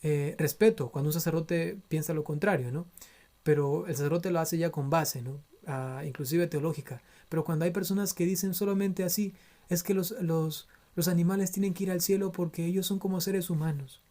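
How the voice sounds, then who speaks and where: An Ecuadorian priest gives a theology lecture in earnest, admonishing tones, his Ecuadorian Spanish accent clear throughout. His mellow, warm voice is fairly high, steady and fairly quick. As he explains, he keeps checking in with listeners through frequent tag questions.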